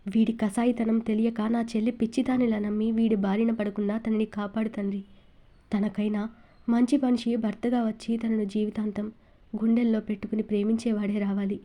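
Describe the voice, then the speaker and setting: A woman's voice: mid-range voice, flat delivery, moderate pace, dark tone. A pleading young heroine, read by a woman. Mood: praying. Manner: pleading, earnest.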